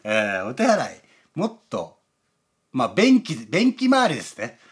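A man's voice: a little high, huge pitch swings, a little slow, breathy edge. A man hosting a radio show, talking in a rambling, chatty way with lots of fillers and chuckles. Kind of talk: casual radio chat.

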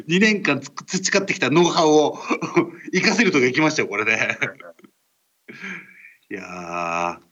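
Chatty male radio host, lively pitch. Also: dull audio. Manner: chatty, polite with filler-heavy pauses. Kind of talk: casual radio talk. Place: remote recording over an internet call.

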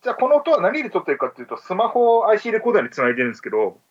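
A man co-hosting a radio show remotely, explaining things in quick, friendly banter. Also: sits high, huge pitch swings, lo-fi sound. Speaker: radio co-host and jingle operator. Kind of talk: casual radio talk. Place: remote recording over an internet call.

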